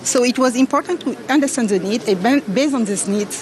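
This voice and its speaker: A woman's voice: a little high, brisk. A woman explaining something in an interview. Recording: busy chatter in background.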